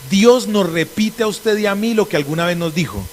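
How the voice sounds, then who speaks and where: A middle-aged pastor, a man from Colombia with an Antioquian accent, preaching a lively sermon and acting out conversations in different voices. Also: high-pitched, moderate pace, slight background noise. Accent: Antioquian Colombian Spanish.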